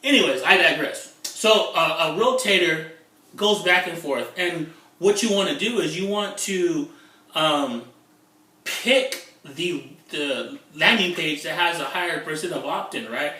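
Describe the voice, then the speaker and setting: A middle-aged man talking in a casual vlog about online marketing, excitable and rambling, often repeating himself. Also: a little high, unhurried, far from the mic. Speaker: internet marketing vlogger. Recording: echoey room, away from the mic.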